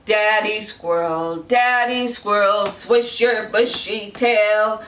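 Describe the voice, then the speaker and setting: A woman singing as a daddy squirrel, pushing her voice lower. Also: fairly even intonation, fairly bright tone. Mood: playful. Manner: sung in a deliberately lower voice. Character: daddy squirrel, grown male. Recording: roomy, distant mic, faint noise.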